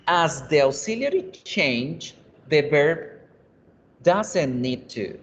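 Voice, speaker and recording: A male English teacher giving an online class, explaining grammar in Spanish and slowly repeating English examples. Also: on the high side, lively intonation. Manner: calls students "chicos", jokes in class. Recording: muffled video-class audio, faint hiss.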